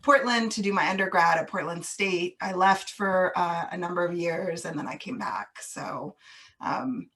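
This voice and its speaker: A woman's voice: fairly low pitch, a little slow. A woman interview guest speaking casually and reflectively, laughing now and then as she talks about growing up on military bases. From grew up on US military bases overseas. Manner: warm, reflective, laughs easily.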